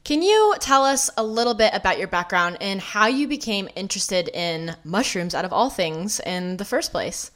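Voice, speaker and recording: A woman of middling pitch hosts a podcast with an upbeat, friendly delivery. She reads her own sponsor spots and a listener review, then turns to questioning her guest. Some words are drawn out slowly for emphasis. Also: expressive, fairly bright tone. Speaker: podcast host. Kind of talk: podcast host reading ads and interviewing.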